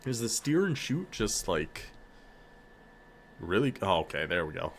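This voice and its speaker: A man with a northern American accent giving casual, excitable commentary on his football video game, hyping up his players and laughing often. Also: low-pitched, unhurried, a little hiss or hum. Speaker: gaming YouTuber.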